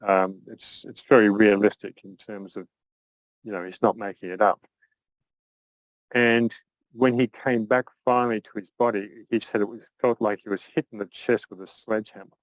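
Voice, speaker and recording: An older man teaching an online class, speaking thoughtfully with frequent pauses and restarts. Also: lowish voice, dry recording, rough recording. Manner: thoughtful, halting, many restarts. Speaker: astrology teacher.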